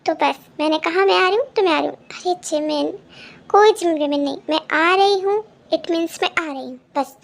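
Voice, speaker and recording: A woman's voice: extremely high pitch, normal speed, gravelly. A woman voicing a fussy, bossy young wife in a fan audio drama, scolding and insistent. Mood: stubborn.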